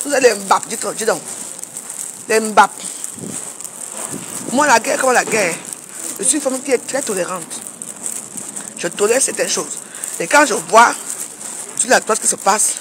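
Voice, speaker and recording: A woman's voice: mid-range voice, fairly bright tone, a little hiss or hum. Woman vlogger, combative scolding tone, filmed walking outdoors with faint birdsong behind. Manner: combative, scolding with rhetorical questions. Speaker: social media commentator. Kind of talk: casual vlog rant.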